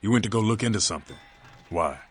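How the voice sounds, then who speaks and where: A man's voice: fairly low pitch, animated, fast, slightly rough. An actor playing a streetwise, skeptical male vampire rebel in a video game, speaking in blunt, informal street talk. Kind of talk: video game character dialogue.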